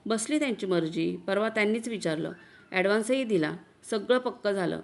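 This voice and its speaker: A woman reading the part of a boastful, smooth-talking middle-aged husband in a story, coaxing and self-assured. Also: medium pitch, lively intonation, brisk.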